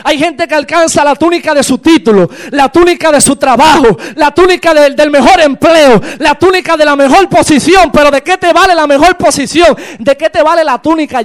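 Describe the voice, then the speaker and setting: A man preaching a sermon in church, impassioned and building to shouted exclamations. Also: extremely high pitch, brisk, few pauses.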